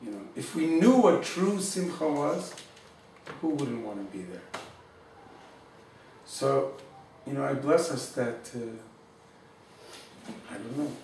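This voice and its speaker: A man giving an informal Torah class, telling a story warmly and mixing in Hebrew and Yiddish words. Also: medium pitch, lively intonation, slow pace, long pauses, recorded from a distance, slight background noise. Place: room in Jerusalem. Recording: echoey room, speaker away from the mic.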